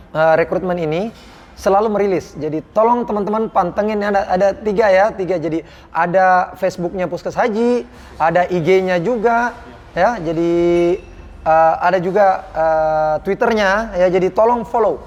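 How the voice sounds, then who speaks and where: A man's voice: high voice, a little mellow, dull audio. A man, a doctor on hajj health duty, telling his experiences in an earnest, devout and emotional way during an interview. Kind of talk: interview storytelling.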